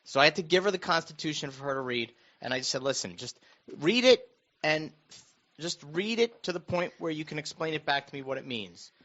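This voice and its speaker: Brisk and expressive, this man's bright, forceful voice carries an earnest, explanatory chat about politics in which he repeats points for emphasis. He's a radio show host and school board member, heard through muffled, dull, low-fidelity audio.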